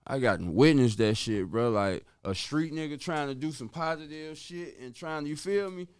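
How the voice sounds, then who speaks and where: A man with a somewhat high voice tells a long story as a podcast guest. His talk is loose, slangy and full of cursing, and he keeps slipping into the voices of the people he quotes. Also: normal speed, clear, resonant tone. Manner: animated, profane, slangy, acts out quoted voices. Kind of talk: casual storytelling.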